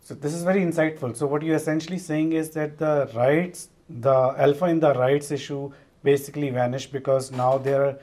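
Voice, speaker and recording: A man's voice: a little high, fairly even intonation, brisk, a little mellow. A man in a conversational interview, speaking as an engaged interviewer who sums up and adds his own thoughts.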